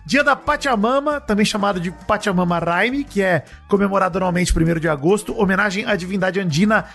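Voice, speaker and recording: A man's voice: sits high, a little fast, gravelly, a bit bright, faint music behind. A man co-hosting a podcast, joking casually and reading out date trivia. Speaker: podcast co-host.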